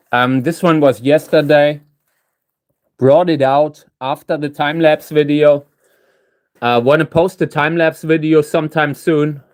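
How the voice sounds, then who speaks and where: A man chatting casually as a livestream host, halting and restarting words, his tongue numb from hot chili so that talking is a struggle. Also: on the high side, darkish tone, no echo, studio quality. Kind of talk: casual rambling gardening livestream.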